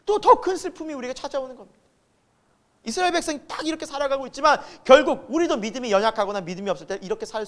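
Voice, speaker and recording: A man preaching a Sunday sermon as pastor, asking the congregation rhetorical questions and acting out quoted voices, with sudden loud emphasis and soft asides. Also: extremely high pitch.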